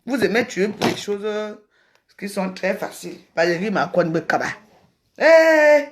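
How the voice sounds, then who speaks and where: A woman's voice: medium pitch, normal speed, heavy background noise. A woman from Cameroon ranting on a livestream, scolding and mocking her rivals, often repeating herself. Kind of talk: heated livestream rant.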